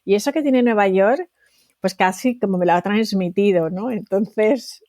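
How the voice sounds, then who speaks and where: A woman in her forties from Valencia, a guest on an interview podcast, talkative and quick to laugh. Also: mid-range voice, no room sound, studio quality. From Valencia, Spain. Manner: warm, talkative, laughs easily. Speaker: guest, entrepreneur.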